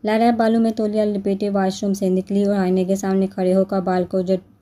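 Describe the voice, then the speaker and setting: A woman narrating a romance novel in a steady, measured reading voice. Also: mid-range voice.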